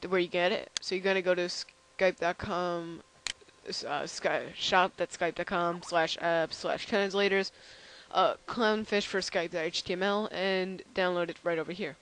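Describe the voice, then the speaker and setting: A tired young man hosting a casual software demo, rambling and halting with lots of fillers. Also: sits high, steady tone, slight background noise, low-quality recording. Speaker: channel host.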